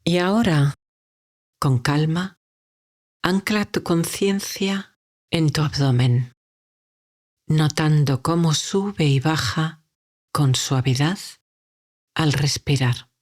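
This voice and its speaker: A woman with a deep, low voice leads a guided meditation. She speaks very slowly and softly, leaving long calm pauses between her phrases.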